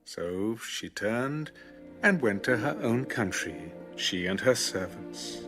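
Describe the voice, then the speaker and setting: A man narrating an audio Bible reads scripture in a dramatic, scripted style. His low voice has highly expressive intonation, and background music plays behind him.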